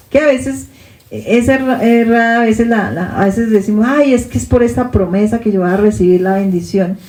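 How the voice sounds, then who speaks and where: A woman teaching a Bible lesson to a congregation in Colombian Spanish, often checking in with her listeners through quick questions. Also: fairly high pitch, warm tone, echoey room, rough recording.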